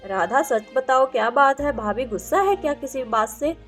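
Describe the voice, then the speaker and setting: Village farmer guy, high voice, talks things through calmly, woman doing him for a doll video. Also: normal speed, faint music behind. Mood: coaxing. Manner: reasoning, mediating. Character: village farmer man, calm head of household. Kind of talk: doll video role-play.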